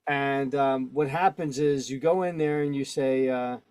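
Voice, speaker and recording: A male instructor teaches casually on a video call in a mid-range, steady, unhurried voice that is darkish and smooth, with no echo. He argues his points and keeps checking in with listeners, asking "right?" and "okay?"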